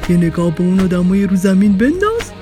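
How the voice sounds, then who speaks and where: A woman voicing a friendly, carefree giant dinosaur with loud, booming calls. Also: very animated, music in the background, natural voice. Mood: bold.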